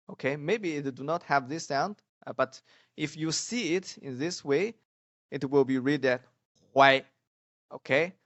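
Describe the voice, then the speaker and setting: A man gives a beginner pronunciation lesson. He speaks slowly and patiently and calls out example syllables loudly. The sound is dull and lo-fi, with a dry, close feel. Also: medium pitch, dry recording. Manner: slow, patient drilling of sounds, often loud on examples. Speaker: Mandarin teacher.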